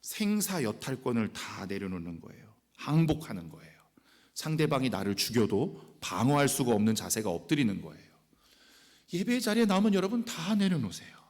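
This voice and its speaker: A male pastor preaching a sermon. He asks his congregation questions, acts out the people he quotes, and swings from loud exclamations to hushed whispers. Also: medium pitch, very animated, brisk. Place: church sanctuary. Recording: church hall reverb.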